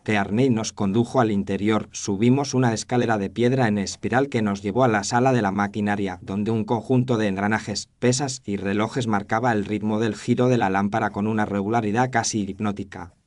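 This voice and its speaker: A man's voice: on the low side, steady tone, a little fast, few pauses, natural voice. A man narrating a scripted mystery story as an observant Victorian doctor, formal and descriptive. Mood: reflective.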